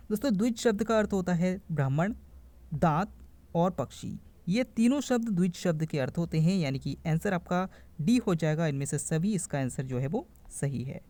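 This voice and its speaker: A man's voice: sits high, darkish tone. A man teaching an online exam-prep grammar lesson, reading out each answer option in turn and then explaining it to his viewers, whom he calls friends. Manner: calls the viewers friends and stresses what to remember. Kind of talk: online quiz-style lesson.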